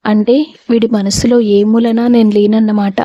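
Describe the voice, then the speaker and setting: A woman's voice: mid-range voice, flat delivery, normal speed, no echo, lo-fi sound, lightly acted. Woman voicing a lovesick young woman friend. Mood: sad. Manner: earnest, pleading.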